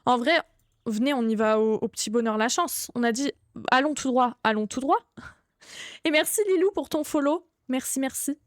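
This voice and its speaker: A woman's voice: high voice, normal speed, dry recording, studio quality. A young woman streaming a horror game live, chatting casually, greeting viewers by name and swearing now and then. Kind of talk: live gaming stream commentary.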